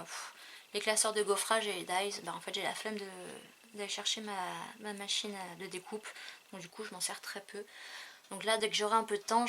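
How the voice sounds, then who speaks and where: A woman's voice: medium pitch, sharp tone. Woman, craft haul chat, lots of fillers, noisy recording. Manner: hesitant, many fillers, trailing off. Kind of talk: casual chat showing purchases.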